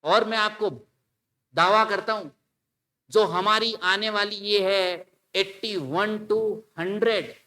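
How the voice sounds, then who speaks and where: Lively high-voiced male teacher, bright. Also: slow. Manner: animated, voices students' questions, mixes Hindi and English. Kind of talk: exam-prep grammar lecture.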